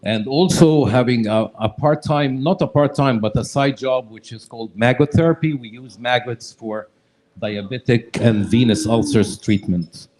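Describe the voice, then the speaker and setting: Speaking at a discussion event, this Egyptian guest expert in entomology describes his work casually, with frequent "okay, so" and non-native phrasing. He has a mid-range, slightly mellow voice at a moderate pace, captured in poor audio.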